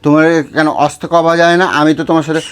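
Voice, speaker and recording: A man's voice: on the high side, little pitch movement, racing, smooth. A man in a heated domestic quarrel with his wife, arguing back defiantly and provoking her. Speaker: husband in a couple vlog.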